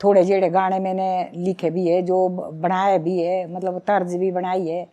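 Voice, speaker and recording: A woman's voice: lowish voice, flat delivery, unhurried, dark tone, dull audio. A middle-aged woman from Himachal Pradesh with a Himachali Pahari accent, a folk singer and songwriter talking earnestly and reflectively in an interview. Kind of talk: conversational interview.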